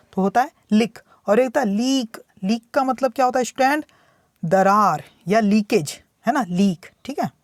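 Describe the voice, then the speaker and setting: In clean, echo-free studio sound, a high-pitched man patiently teaches what English words mean, explaining in Hindi. He repeats things, fields his own questions to the student, and takes the English example sentences slowly.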